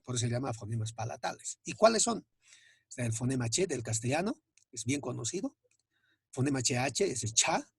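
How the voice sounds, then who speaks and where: A man teaching a phonetics lesson, patient and repetitive, often checking in with a quick question as he goes through examples. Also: medium pitch, a little mellow, slightly rough, no room sound, clean studio sound.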